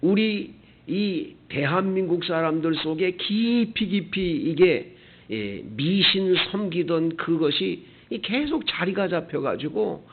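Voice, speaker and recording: A male pastor preaching an early-morning sermon, raising rhetorical questions with strong emphasis. His fairly high voice swings widely up and down. The sound is thin and tinny, like it came over a phone line. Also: gravelly. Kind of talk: dawn prayer sermon.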